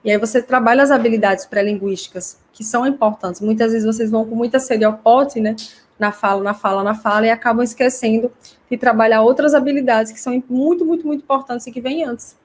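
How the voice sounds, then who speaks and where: Casting note: woman, somewhat high voice, chatty live-class host answering viewers. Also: brisk. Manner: chatty, explanatory, reads comments aloud. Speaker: host teaching parents.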